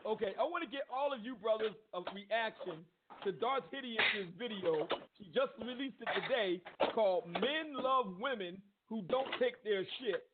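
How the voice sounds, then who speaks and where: A man hosting a call-in radio show, brisk and informal as he brings callers in. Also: high-pitched. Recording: tinny phone line, loud background noise.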